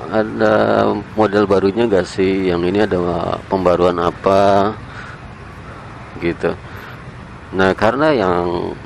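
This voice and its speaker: Man, motovlogger, slow relaxed chat, helmet-cam mic, light street noise. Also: fairly low pitch, rough recording. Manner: slow, relaxed, chatty slang, chuckles. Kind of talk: casual chat while riding. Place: on a motorcycle in night city traffic. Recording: faint traffic noise outdoors.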